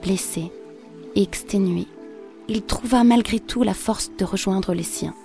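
A woman narrating a folk legend in a measured, steady storytelling manner. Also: mid-range voice, creaky, soft background music. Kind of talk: scripted narration of a folk tale.

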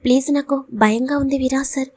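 A woman's voice: high voice, steady tone, fairly quick, darkish tone. A woman voicing a young heroine who is tearful and doubts herself, in a storybook reading. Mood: tearful pleading. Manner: pleading, emotional.

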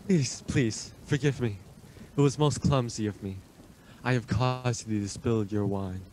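An actor playing a suave, imperious Transylvanian vampire count in a radio play, speaking with formal, deliberate, ominous politeness. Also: male voice, mid-range voice, noisy background, natural voice. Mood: smoothly menacing.

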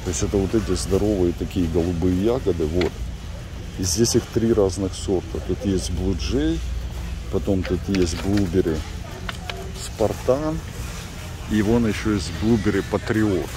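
Recorded on a handheld camera against a noisy background, a middle-aged man speaks in a deep, unhurried voice. He's vlogging inside a big warehouse store, chatting easily with viewers while shopping.

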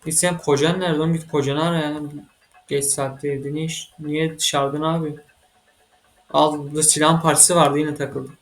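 A man giving casual let's-play commentary as he plays a computer game, excitable and quick to get frustrated, swearing at the game. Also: on the high side, a little hiss or hum. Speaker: gaming channel host.

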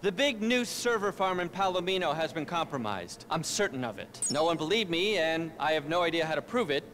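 An actor playing an arrogant, manic middle-aged tech billionaire in a video game, pompous, as if giving a keynote speech. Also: male voice, on the high side, animated, a little fast, fairly bright tone. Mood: brisk, pompous. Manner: pompous, self-important, keynote-speech delivery.

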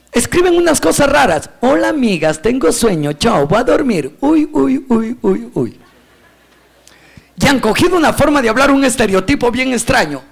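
A male stand-up comedian with an Ecuadorian Spanish accent performs a comedy routine at an outdoor event. He sets up each joke in a high voice, then drops low for the punchline. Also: creaky.

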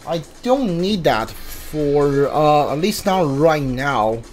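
Over game music, a man with a fairly high, expressive, slightly mellow voice takes his time narrating a casual playthrough. He reads the on-screen text out loud and mutters to himself while thinking things over.

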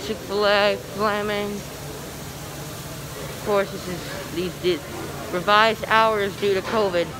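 Filming the elevators in an indoor shopping mall on his handheld phone, a man speaks to viewers in a high-pitched, level voice, taking his time. He hesitates and says um frequently, and the mall ambience around him is noisy.

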